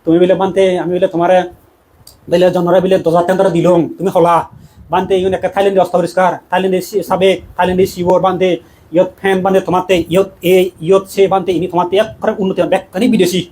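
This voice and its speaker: A man, a Buddhist monk, giving a dhamma talk in a quick, conversational preaching manner with laughs. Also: high voice, monotone, darkish tone.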